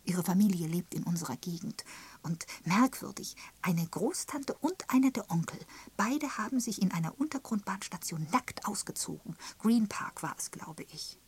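A woman reading the part of a gossiping, sharp-tongued spinster in an audiobook, pointed and emphatic in tone. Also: medium pitch, lively intonation, normal speed, husky, voice pushed up. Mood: gossipy. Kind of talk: audiobook character voice.

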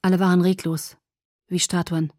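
A woman reading a first-person novel in calm, even scripted narration. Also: on the low side, moderate pace, no echo, clean studio sound. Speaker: audiobook narrator.

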